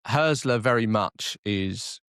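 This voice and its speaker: A man co-hosting a football podcast, talking in a worked-up, animated way and reading quotes aloud. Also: lowish voice, slow pace, clean tone, dry recording. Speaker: podcast co-host. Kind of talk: casual football chat.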